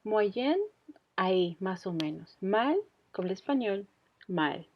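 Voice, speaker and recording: Woman in her thirties, very slow hesitant teacher, muffled lo-fi sound. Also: medium pitch, animated. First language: Spanish. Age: 30s. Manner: hesitant, many fillers and self-corrections. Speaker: French teacher. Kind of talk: slow beginner language lesson. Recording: dull lo-fi audio.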